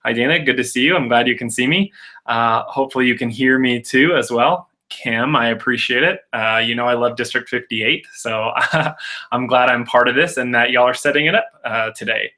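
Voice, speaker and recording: A young man speaks with a bright, forceful edge into a webcam on a video call. He hosts a live Q&A in a chatty, upbeat way. He tells stories and fills pauses with frequent uhs. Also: medium pitch. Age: young adult. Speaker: public speaking coach hosting a Q&A. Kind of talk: casual live webinar talk and storytelling.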